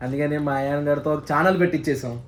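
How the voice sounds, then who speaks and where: A man's voice: fairly high pitch, racing, a bit bright. A man chatting to the camera in a casual travel vlog, talking about what he sees as he walks through an airport terminal. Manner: chatty, switching between talking to the camera and to a crying child. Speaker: vlogger. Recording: noisy airport ambience.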